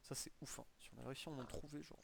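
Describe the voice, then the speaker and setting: A man's voice: medium pitch, steady tone, racing, vocal fry. A young man giving casual gameplay commentary as a video host, using colloquial street slang and swearing.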